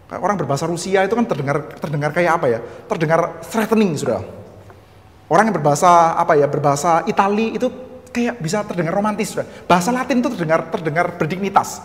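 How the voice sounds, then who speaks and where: A man's voice: sits high, big-room sound. A man with a Javanese-tinged Indonesian accent giving a church history lecture, chatty and full of humorous asides, constantly addressing his listeners.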